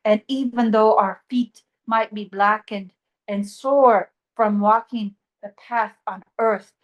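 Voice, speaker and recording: A woman channeling an ancient male sage spirit, speaking slowly with humming pauses and casual swearing. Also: medium pitch, dull audio, natural voice. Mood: serene. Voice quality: slow, pausing, humming "mm" between phrases. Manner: calm, teasing, swears casually. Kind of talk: channeling session.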